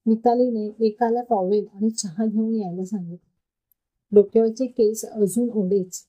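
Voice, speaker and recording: A woman reading an emotional story aloud, narrating and speaking the characters' lines gently. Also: medium pitch, fairly even intonation, unhurried, low-quality recording.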